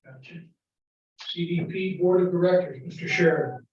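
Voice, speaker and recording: A man's voice: sits high, normal speed. A man chairing a committee meeting who calls each agenda item in brief, curt lines. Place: county legislature meeting room. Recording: dull, echoey chamber audio from a distant mic.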